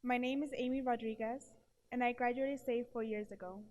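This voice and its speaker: Giving a prepared award testimonial, an early-twenties woman speaks earnestly to an audience through a stutter of blocks and repeated syllables. Her voice is on the high side and darkish in tone, steady and a little fast.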